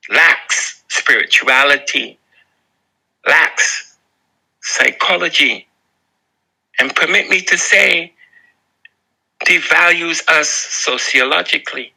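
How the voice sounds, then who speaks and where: Slow, gravelly Barbadian man preaching. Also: a little high, pushed and bright, rough recording. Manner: slow, earnest, preaching with pleading appeals. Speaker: video essayist. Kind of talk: impassioned moral address.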